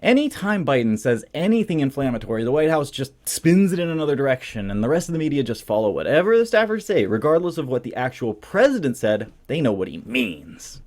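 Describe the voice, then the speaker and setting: A man hosts a political commentary show and reads a scripted monologue. His delivery is sardonic and mocking, with a lively, swinging pitch that leaps between notes. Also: fairly quick, few pauses. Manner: sarcastic, mocking asides.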